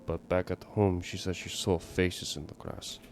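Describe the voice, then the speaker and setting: A man voicing a worried, guilt-ridden father and neighbor in a horror game, hushed and anxious. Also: low-pitched, flat delivery, rapid-fire, a little hiss or hum, pitched below the performer's own voice, natural voice.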